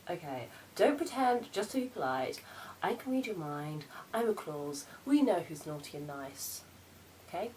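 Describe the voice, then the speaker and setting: A woman plays Santa's campy, boastful daughter in a comic vlog. The voice sits fairly low for a woman, with theatrical, sassy, self-important delivery. There is noticeable background noise. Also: very animated, normal speed, darkish tone. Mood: campy indignation. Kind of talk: in-character comic gift-guide vlog.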